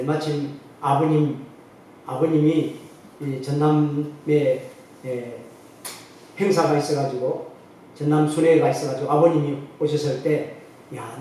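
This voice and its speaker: A man's voice: fairly high pitch, dark tone. A middle-aged man, a pastor, telling a story in his sermon and acting out the voices of the people in it. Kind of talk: sermon testimony. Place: church sanctuary. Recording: very echoey hall, distant mic, faint noise.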